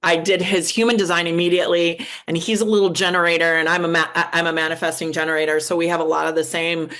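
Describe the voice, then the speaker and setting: An older woman hosting a podcast, talking in a halting way with many restarts. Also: on the low side, little pitch movement, a bit bright. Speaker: podcast host. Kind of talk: podcast conversation.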